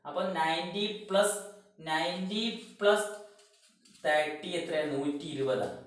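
A man's voice: on the high side, measured pace, far from the mic. A man teaching a math lesson to schoolchildren, explaining step by step and asking questions that he answers himself, saying the English terms with a Malayalam accent. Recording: very echoey room.

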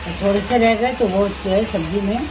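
Over background music and some background noise, a cooking channel host narrates a casual home cooking demonstration from her kitchen. She has a Pakistani Urdu accent and a medium-pitched voice, speaking a little fast as she chats through each step.

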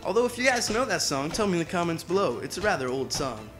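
A man's voice: high-pitched, big pitch swings, fast talker, music in the background. A young man giving casual let's play commentary, playful and boastful, often exclaiming as he plays. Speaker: gamer.

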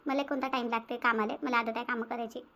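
A woman's voice: on the high side, level tone, quick pace, sharp tone, a little hiss or hum. A woman voicing a fussing village mother. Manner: fussing, insistent, repeats herself. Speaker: voice actor. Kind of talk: cartoon voice acting.

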